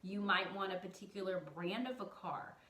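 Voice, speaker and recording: A woman's voice: medium pitch, steady tone, normal speed, sharp tone, recorded from a distance. A woman who teaches design, talking to viewers in a chatty, emphatic way with self-mocking humor. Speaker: design educator. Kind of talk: casual teaching monologue. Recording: roomy echo, voice off-mic.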